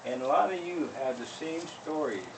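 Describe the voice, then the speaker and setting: A man's voice: fairly high pitch, animated, moderate pace. Older guy, elder telling a story to a group, emphatic, recorded from far off w lots of background noise. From Northern California. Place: living history school gathering, plank house.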